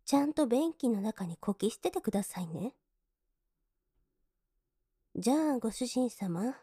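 A woman's voice: mid-range voice, breathy edge, dry recording, studio quality. A woman playing a scornful young maid. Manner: politely contemptuous, mocking; drops into soft whispers to sneer. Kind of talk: adult audio drama.

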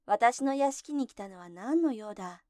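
A woman's voice: a little high, expressive, normal speed, mellow, dry recording, clean studio sound, close to an everyday voice. A woman voicing a lordly older minister. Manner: lordly and condescending.

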